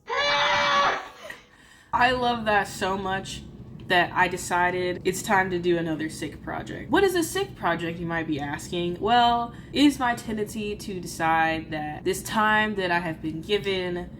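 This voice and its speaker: A woman with a cold speaks in a nasal, stuffy voice, chatting playfully and teasing herself as she vlogs and narrates about her crafting. Her voice is fairly low and bright, with wide swings in pitch and a measured pace, over slight background noise.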